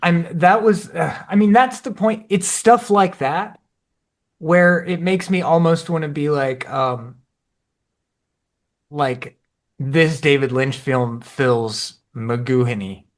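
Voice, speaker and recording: Excitable man gushing on a podcast. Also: on the high side, takes it slowly. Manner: excitable, enthusiastic, swears casually. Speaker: podcast co-host. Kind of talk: casual chat.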